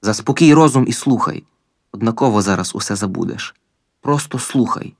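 A man voicing a stern, ghostly male guide with a dry, rough voice who talks calmly and insistently, in an audiobook reading. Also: lowish voice, normal speed, no room sound. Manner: calm, insistent, repeats himself.

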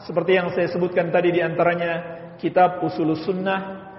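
Male preacher, high-pitched, animated, addressing the congregation directly; muffled recording in a reverberant mosque. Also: normal speed. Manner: animated preaching, swings between high emphatic and low explanatory tones; addresses the congregation directly, frequent affirming "iya". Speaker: Islamic preacher. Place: mosque hall. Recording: echoey hall, dull lo-fi sound.

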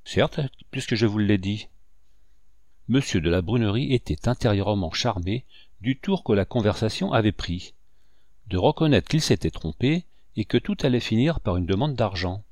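A man reading a classic novel aloud as narrator, in a measured, steady way. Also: lowish voice, no echo, studio quality. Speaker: audiobook narrator. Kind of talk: scripted narration.

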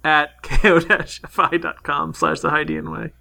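A man's voice: a little high, big pitch swings, moderate pace, vocal fry, bright, forceful tone. A man playing in a tabletop game podcast, joking casually and laughing often.

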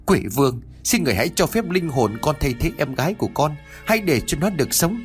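A man's voice: a little high, lively intonation, quick pace, faint music behind, voice pushed up, natural voice. A man voicing the sorrowful ghost of a young woman who wails and begs. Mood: anguished. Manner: wailing, begging.

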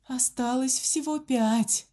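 A woman's voice: high-pitched, slow, warm tone, pitched above the performer's own voice. A woman voicing a cruel sorcerer disguised as a nun, speaking in a cold, mocking way. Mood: whispering menace.

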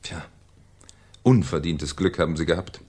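In a 1970s German radio crime drama, a male actor plays a shrewd, ironic French police commissioner with a theatrical, needling manner. His voice is low, husky and a little mellow at normal speed, and he sounds smug and reproachful.

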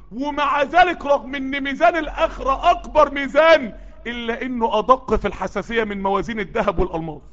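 Man, Egyptian accent, preacher, very high voice, fast urgent sermon, dull lo-fi sound. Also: pushed and bright. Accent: Egyptian Arabic. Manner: urgent, exhorting, repeated calls that build up. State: sweaty and worked up. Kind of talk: sermon to a live group. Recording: dull lo-fi recording.

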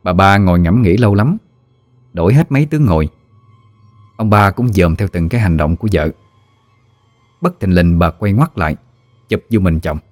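A man's voice: low voice, animated, normal speed, long pauses, darkish tone, no room sound. Man, Southern Vietnamese accent, ghost story narration, folksy, faint background music.

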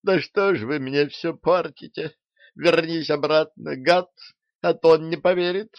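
A man's voice: medium pitch, measured pace, dry recording, voice pushed up, natural voice. A man voicing a feisty, short, hot-tempered young peasant maid who squeals and scolds. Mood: angry. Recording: dull, dry audiobook recording.

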